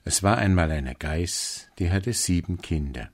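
A man reading a fairy tale aloud in an expressive storytelling manner. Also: deep voice, measured pace. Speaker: narrator.

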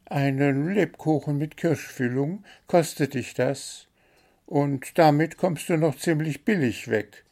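A man's voice: mid-range voice, creaky, a little mellow, pitched above the performer's own voice. A man voicing a cheeky, greedy little blue male bird that pesters for sweets. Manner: demanding, sweet-toothed, pestering.

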